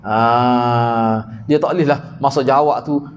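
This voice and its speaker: A man's voice: mid-range voice, steady tone, measured pace, lo-fi sound, slight background noise. A man from Malaysia with a Kelantanese Malay accent, teaching a hadith study class in a conversational way, explaining terms and putting questions to his listeners. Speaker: religious teacher.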